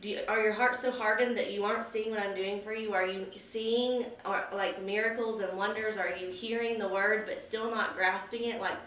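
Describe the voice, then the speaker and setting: Bright-voiced woman in Bible study chat. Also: mid-range voice, moderate pace, hardly any pauses, a little hiss or hum. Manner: laughing, animated, chatty. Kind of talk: casual discussion. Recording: echoey room from a distance.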